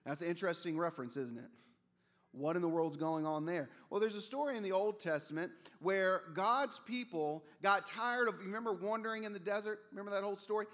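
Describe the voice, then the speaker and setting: A man's voice: sits high, a little fast, a bit bright. A man preaching a sermon as pastor, conversational and storytelling, with casual asides. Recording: long reverb of a large hall.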